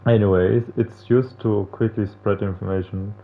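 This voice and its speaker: A young man with a lowish, fairly even voice reads a visual novel's text aloud at a moderate pace while streaming, breaking off into casual, slangy, sweary joking. His streamer microphone and face cam setup yields narrow, phone-like audio with a little hiss or hum, plus game music in the background.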